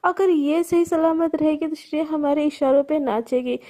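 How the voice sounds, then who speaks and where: A woman's voice: sits high, moderate pace, dark tone, natural voice. Woman telling a gloating villain father. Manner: taunting, mocking. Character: gloating scheming middle-aged father villain.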